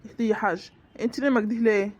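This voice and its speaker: A woman's voice: on the high side, steady tone, racing, a little mellow, lo-fi sound, lightly acted. Woman voicing a concerned middle-aged village husband. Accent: Upper Egyptian. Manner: concerned, reassuring.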